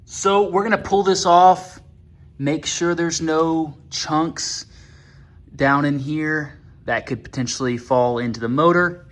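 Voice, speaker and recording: An echoey recording of a man. His voice sits a little higher than most men's. He talks in an informal, plain-spoken way, like someone narrating a home repair vlog. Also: slow. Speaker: vlogger, hobby motorcycle mechanic. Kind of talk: casual vlog commentary on a repair.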